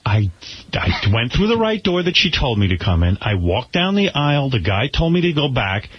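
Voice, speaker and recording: A man's voice: medium pitch, sing-song, normal speed, breathy edge, no room sound. A man hosting a radio show, telling a story in a profane, ranting way. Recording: slightly muffled radio broadcast, faint hiss.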